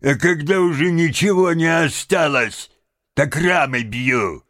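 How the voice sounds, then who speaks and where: A man reading a storybook voices a mischievous little house spirit that squeaks in falsetto and sometimes drops into a deep bass. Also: a little slow, a bit bright. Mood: indignant.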